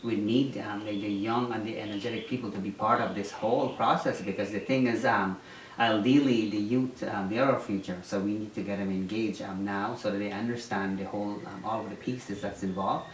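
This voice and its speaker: A man's voice: fairly low pitch, steady tone, a little fast. A man from Guyana answering interview questions, speaking hesitantly with many ums and restarts. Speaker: interviewee, former mayoral candidate. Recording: roomy echo, distant mic, faint noise.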